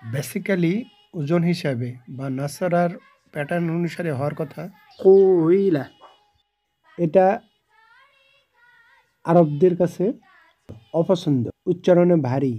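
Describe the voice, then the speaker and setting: A man's voice: fairly high pitch, dark tone. A man teaching grammar step by step, reciting each word form in short phrases and then explaining its meaning.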